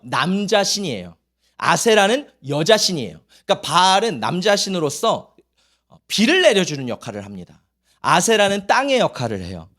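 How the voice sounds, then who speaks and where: A man's voice: high-pitched, a bit bright. A male pastor preaching a Sunday sermon, telling stories and acting out children's voices.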